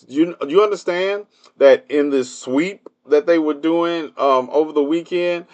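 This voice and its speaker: A man's voice: fairly high pitch, a little slow, darkish tone, highs cut off. A man hosting a livestream, talking in a casual political commentary monologue, sarcastic and full of rhetorical questions to his audience. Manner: hums a tune while waiting. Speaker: livestream host.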